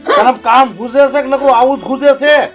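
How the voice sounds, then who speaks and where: A man's voice: very high voice, moderate pace, fairly bright tone, soft background music. An actor playing a stern older village father who scolds and commands his daughter in a village drama.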